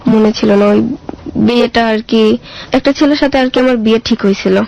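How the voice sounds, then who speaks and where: On lo-fi audio, a woman with a slightly high, gravelly, somewhat mellow voice speaks at a moderate pace. Her colloquial Bangladeshi Bengali accent carries a casual, plain-spoken telling of her life as a guest, with remembered conversations acted out.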